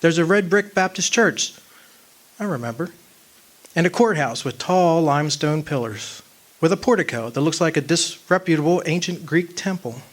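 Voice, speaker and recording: In a radio drama, a man plays a wistful old soul recalling his lost love through measured, poetic, solemn narration. His voice is on the high side and animated, the mood wistful and nostalgic, with music playing behind him.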